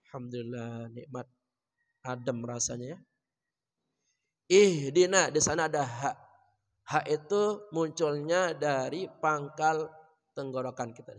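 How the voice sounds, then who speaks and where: A man teaching Quran recitation in a mosque, chanting verses melodically and then explaining pronunciation quietly and quickly, with an Indonesian accent. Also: mid-range voice. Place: mosque hall. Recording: reverberant mosque hall.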